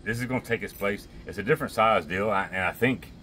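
A middle-aged man, the boat's captain, explaining a repair in a relaxed, plain-spoken way, recorded outdoors on a docked boat. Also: on the low side, fast, slight background noise. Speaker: boat captain, vlog co-host. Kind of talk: casual how-to vlog.

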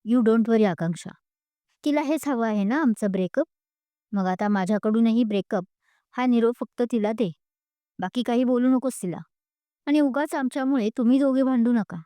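A woman voicing an anxious, upset young male student who pleads in a low, hushed way, in a spoken storybook. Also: moderate pace, no room sound, clean studio sound, close to an everyday voice. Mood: anxious, pleading.

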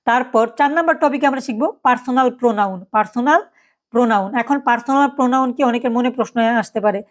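A woman's voice: a little high, very fast. A woman teaching a German lesson online in a chatty way, often saying "yes" and "so" and mixing in English words.

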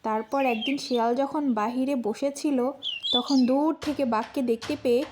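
High-pitched woman narrating a story. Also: fairly even intonation, normal speed. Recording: clear background noise.

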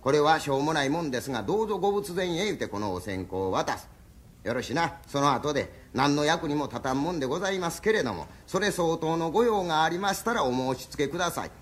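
A man's voice: on the high side, very animated, fast. A man voicing a bossy, exasperated Osaka housewife with an Osaka accent, in rakugo storytelling. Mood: nagging. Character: scolding middle-aged Osaka housewife.

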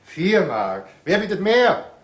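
A brisk auctioneer who coaxes the room with a sing-song patter. His voice sits high and swings widely as he rattles off prices and talks up the goods. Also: sing-song, full character voice. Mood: coaxing, salesmanlike. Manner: sing-song calling of bids, coaxing. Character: brisk male auctioneer selling old furniture.

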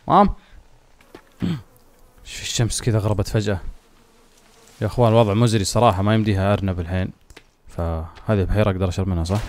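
A man's voice: deep voice, a little mellow. A young man giving jokey, easily spooked commentary while playing a survival game for his viewers. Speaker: gaming host. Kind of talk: casual let's-play commentary.

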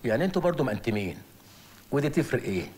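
A man's voice: medium pitch, very animated, rapid-fire, a little mellow, close to an everyday voice. An actor with an Egyptian accent playing a middle-aged man who exclaims in feigned piety, in comic film style. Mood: mock-pious. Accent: Egyptian Arabic. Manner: mock-pious, exclaiming.

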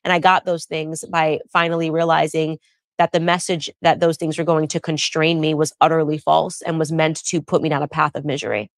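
A woman in her thirties talking in an emphatic, animated way in a casual podcast discussion. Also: sits low, fairly quick, no echo. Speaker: podcast guest.

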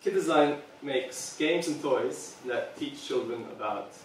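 A man in his thirties from Serbia, a product designer, speaks a little slowly in a medium-pitched voice during an earnest public presentation, hesitating often with um. A far camera in a meeting room captures heavy reverb and a faint hiss or hum.

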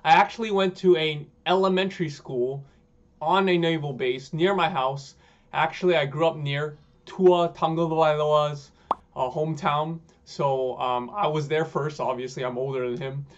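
A man's voice: fairly high pitch, normal speed, highs cut off. A man in his thirties from Hawaii, hosting a casual reaction video from a room at home, talking at a webcam with lots of fillers. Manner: chatty, filler-heavy, excitable. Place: home room with sneaker shelves.

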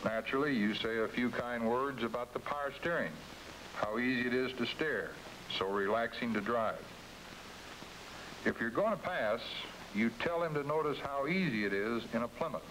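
Speaking at normal speed with a medium pitch and fairly bright tone, this company executive presents a dealer training film, a middle-aged American giving folksy, direct second-person coaching to salesmen in scripted 1950s narration. The audio is poor, with a hissy 1950s soundtrack.

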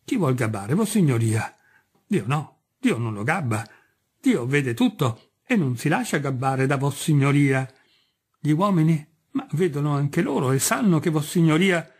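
A man voicing a humble, devout workman in a read-aloud story, deferential but earnest and pleading, with a husky voice. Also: a little high, animated, unhurried.

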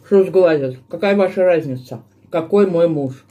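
A woman's voice: on the low side, moderate pace, mellow. A woman vlogger chatting to her viewers while chewing her food, scolding commenters in an indignant, lecturing way. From Russia. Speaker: mukbang vlogger. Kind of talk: casual chat to viewers while eating.

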